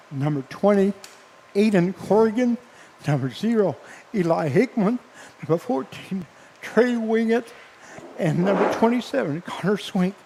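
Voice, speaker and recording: A man's voice: high-pitched, darkish tone. Choked-up man signing off a ballgame broadcast. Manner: halting and earnest, heavy with fillers. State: emotional, choked up. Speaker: baseball broadcaster and announcer. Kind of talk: live broadcast sign-off. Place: press box above a ballpark. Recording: long hall-like reverb.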